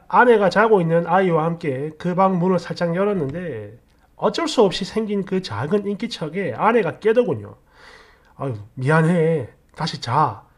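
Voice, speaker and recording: Woman narrating with a lively, shifting pitch. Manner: expressive, complaining storytelling. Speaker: story narrator. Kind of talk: reading a story from an online post.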